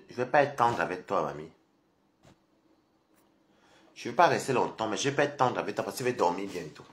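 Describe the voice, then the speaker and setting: Sleepy guy ranting on a phone livestream, keeps calling someone out, voice jumps all over. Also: mid-range voice. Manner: taunting, repeatedly calling out his rival. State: tired and sleepy. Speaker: live-stream host. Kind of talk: confrontational live-stream rant.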